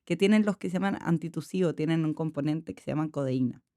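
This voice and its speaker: A woman pediatrician with a Chilean accent, calmly explaining medical matters in a casual podcast chat. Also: low-pitched, quick pace, dry recording, studio quality. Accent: Chilean Spanish.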